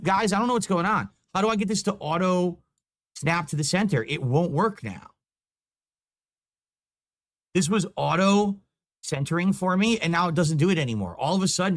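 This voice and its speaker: A young man streaming live, chatting casually and getting frustrated and swearing while fixing his stream software. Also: on the high side, lively intonation, brisk, no room sound, studio quality. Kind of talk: casual livestream chat.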